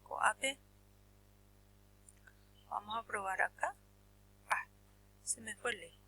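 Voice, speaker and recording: A woman's voice: mid-range voice, takes it slowly, sharp tone, slight background noise. A woman from Paraguay, teaching a language class and patiently explaining grammar step by step while checking that the students understand. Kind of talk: Guarani grammar lesson.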